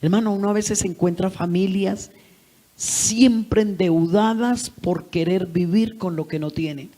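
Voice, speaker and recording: A woman's voice: mid-range voice, unhurried, warm tone. A middle-aged woman preaching a sermon in a folksy way, acting out little scenes from family life. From Colombia.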